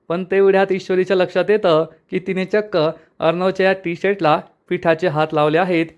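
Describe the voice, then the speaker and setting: A man's voice: a little high, lo-fi sound. A man retelling a TV serial episode in speech, acting out the characters' lines as he narrates. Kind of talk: storytelling episode recap.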